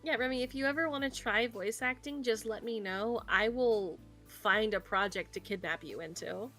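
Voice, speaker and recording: A woman's voice: on the high side, normal speed, sharp tone, faint music behind. A woman voice actor co-hosting a game stream, chatting in a bubbly and playful way. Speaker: co-host and voice actor. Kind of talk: casual chat on a game stream.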